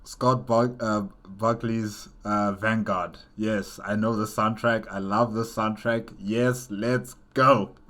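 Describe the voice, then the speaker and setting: A man giving casual reaction commentary as an enthusiastic fan, in a halting delivery. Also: fairly low pitch, level tone, fairly bright tone. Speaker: reaction video host.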